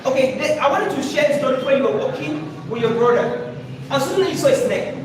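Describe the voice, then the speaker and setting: A man's voice: very high-pitched, animated, quick pace. A man coaching public speaking in a live workshop, demonstrating points and quizzing the audience. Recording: echoey room, far from mic, noisy.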